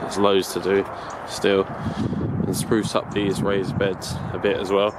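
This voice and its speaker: A low-sitting, slow voice belongs to an allotment vlogger rambling through a casual tour of his plot. Chatty and prone to self-correction, he films outdoors from his own view on a handheld camera, and its mic records steady background noise.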